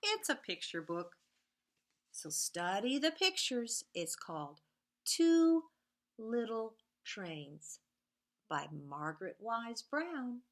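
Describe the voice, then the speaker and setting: A woman with a slightly high voice reads picture books expressively to little ones, in a sing-song, animated style. She stops to point out things for them, and sometimes her voice sinks to a hushed whisper of repeated sound words.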